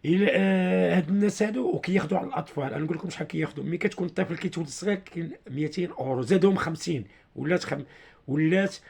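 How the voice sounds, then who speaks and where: A man's voice: a little high, gravelly, a little mellow, breathy edge. A man with a Moroccan accent giving informal explanatory commentary to his followers, repeating himself and searching for words. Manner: repetitive, halting, searching for words. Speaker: online video commentator.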